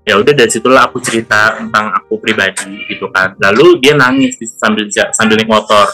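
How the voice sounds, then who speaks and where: A man's voice: fairly low pitch, big pitch swings, a little fast, gravelly, bright, forceful tone, soft background music. A man giving a casual spoken testimony, chatty, with frequent retelling of what he said and heard. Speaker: testimony speaker.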